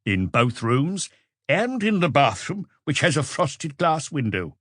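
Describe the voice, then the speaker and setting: In an exaggerated voice pushed above his natural pitch, a man plays an audiobook's observant, self-assured witness, answering precisely and matter-of-factly. The sound is a little high, fairly bright and very animated yet a little slow. It's a studio-quality recording without room sound.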